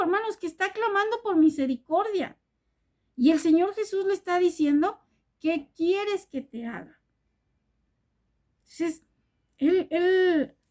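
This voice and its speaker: High-voiced woman preaching a sermon. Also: a little mellow. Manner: repeats rhetorical questions, often addressing the listeners as brothers and sisters.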